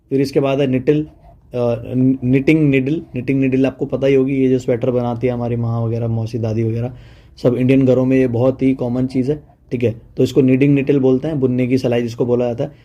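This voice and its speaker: A man's voice: mid-range voice, mellow. A man giving a casual online vocabulary lesson, chatty and full of fillers, checking in often with his listeners. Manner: chatty, mixes Hindi and English, says "ठीक है" often. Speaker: teacher.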